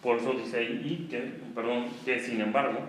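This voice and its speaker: A man's voice: medium pitch, steady tone, moderate pace. A man with a Mexican Spanish accent teaching a grammar class, patient and explanatory, checking in with the students as he goes. His voice rings around a very echoey room. A faint hiss sits underneath.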